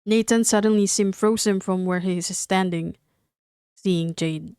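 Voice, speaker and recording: A woman narrating a romance audiobook in an even, unhurried reading. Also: mid-range voice, clear, resonant tone, no echo, studio quality. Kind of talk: scripted narration.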